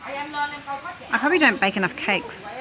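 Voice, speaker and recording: An expressive middle-aged woman narrates her casual shop-along at a measured pace, thinking aloud as she browses while a crowd murmurs nearby. She's filmed on a handheld camera by an operator in a large indoor warehouse store full of loud ambience, rumble and hum.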